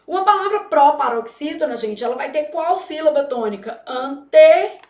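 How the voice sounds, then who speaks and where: A woman's voice: sits high, lively intonation, brisk, roomy sound. A Brazilian Portuguese woman teaching grammar for exam prep, chatty and joking with her students. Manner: chatty, jokey, addresses students as "gente". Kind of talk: lively classroom lesson.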